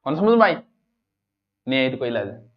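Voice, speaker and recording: A man's voice: mid-range voice, very animated, fast talker. A man with a Rajasthani accent teaching an exam-prep lesson, quizzing his students and moving between Hindi and local dialect. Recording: dull lo-fi recording.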